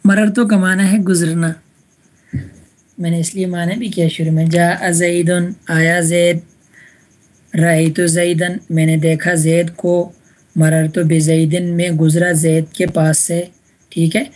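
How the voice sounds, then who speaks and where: A woman's voice: lowish voice, level tone, a little mellow. A woman teaching an Arabic grammar class online, patiently repeating examples and checking that students follow. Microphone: online voice chat room.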